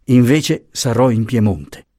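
A man reading the lines of a resolute, tender young husband who speaks in a hushed way. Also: medium pitch, slow, dry recording, studio quality.

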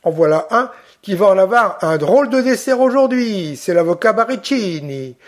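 A man's voice: sits high, lively intonation, normal speed. A man voicing a cheerful, mocking bandit in an audiobook reading. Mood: jovial. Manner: jovial, mocking.

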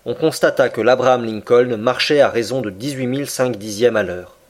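A man with a lowish voice narrates an audiobook of a classic novel, reading the script in a steady, measured way.

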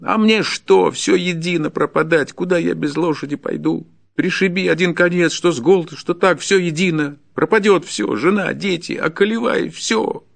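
A man's voice: normal speed, creaky. A man doing a desperate pleading peasant. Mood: furious shouting. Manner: high strained pleading, bursts into shouting. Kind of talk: audiobook character voice.

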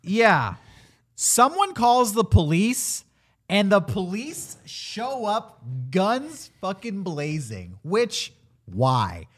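Man, high voice, very lively pitch, comedic movie recap, acts out characters. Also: extremely slow. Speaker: film review podcast host. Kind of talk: casual comedic movie review chat.

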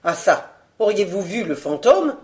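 A woman voicing a calm, concerned male chief curator asking kindly questions. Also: medium pitch, unhurried.

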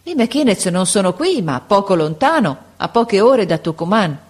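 Brief: a woman reading a kindly male shopkeeper in a storybook, calm and reassuring. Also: mid-range voice, moderate pace, slightly rough. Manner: reassuring, matter-of-fact. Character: kindly middle-aged male shopkeeper with glasses.

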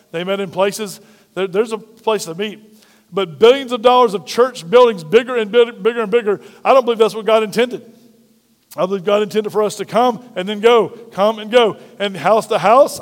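A man with a notably high voice delivers an emphatic sermon from the front of a church. His lines ring out with a long reverb from the sanctuary. He repeats key phrases and asks the congregation to say them back. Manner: emphatic, repetitive preaching with call-and-response. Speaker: pastor. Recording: reverberant hall.

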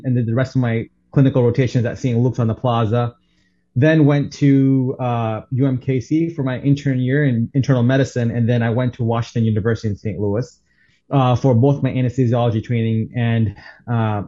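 A man who grew up in Saudi Arabia, a doctor and guest on a radio show, explaining things in a measured way with many fillers. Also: mid-range voice, warm tone, dull audio. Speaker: pain management doctor, guest. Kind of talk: radio interview answers.

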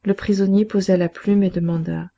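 A woman narrating a classic novel in a measured, steady reading voice. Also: mid-range voice, creaky. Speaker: audiobook narrator. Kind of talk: scripted narration.

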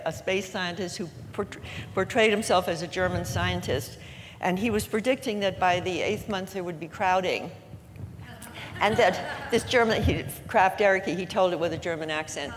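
A woman in her eighties giving an earnest, inspirational talk to an audience, slowing down to stress her key words. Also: medium pitch. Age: 80s. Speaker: speaker at a gathering. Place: large room with an audience. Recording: long hall reverb, faint room noise.

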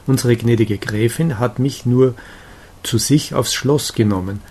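A man reading a gentle, cheerful young woman's chatty, confiding lines in an audiobook of a romantic novella. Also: medium pitch, unhurried, husky. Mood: fond.

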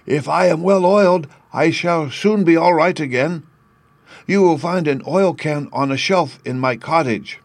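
A man voicing a polite, grateful man made of tin, rusted stiff, in an earnest storybook character voice with drawn-out words. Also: on the high side, no room sound, pitched above the performer's own voice. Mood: pained, pleading.

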